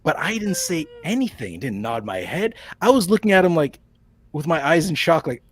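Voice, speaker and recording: A man's voice: a little high, very animated, moderate pace. A man being interviewed as a comic book creator, chatting casually and telling rambling stories. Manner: rambling storyteller with restarts and laughs.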